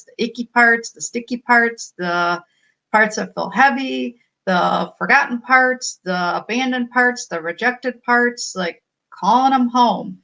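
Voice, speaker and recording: An American woman speaking earnestly and reflectively, with emotion, in an informal spiritual message to her followers, often pausing and repeating phrases. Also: mid-range voice, a bit bright, rough recording. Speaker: spiritual healer and coach.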